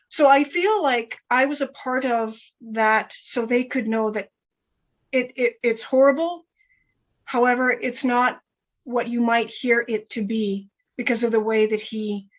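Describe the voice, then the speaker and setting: A woman talks through a personal story as an interview guest, her voice sitting a little high. She is animated, restarts and repeats phrases, and slips into the voices of the people she quotes. The recording sounds dull and a bit lo-fi. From Canada.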